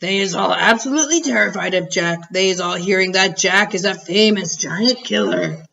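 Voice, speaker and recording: A woman's voice: medium pitch, moderate pace, vocal fry, far from the mic, muffled recording. Woman voicing an earnest giant with muddled grammar. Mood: earnest explaining. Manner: hushed, explanatory, quaint ungrammatical phrasing.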